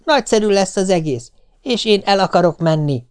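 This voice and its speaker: Man putting on a headstrong wife, defiant and high. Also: lively intonation, clear, resonant tone. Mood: insistent. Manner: defiant, insistent, then coaxing. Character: headstrong scatterbrained wife and mother. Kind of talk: audiobook character voice.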